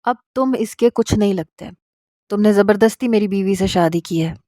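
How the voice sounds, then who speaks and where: A woman's voice: medium pitch, mellow, no room sound, studio quality, close to an everyday voice. A woman voicing a jealous, angry young man. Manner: accusing.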